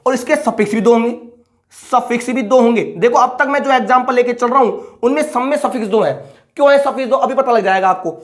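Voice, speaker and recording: A male chemistry teacher giving an online lecture in casual Hindi. He asks a question, answers it himself, and repeats the key terms, slowing down to spell out each formula. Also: extremely high pitch. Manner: slows right down to spell out formulas.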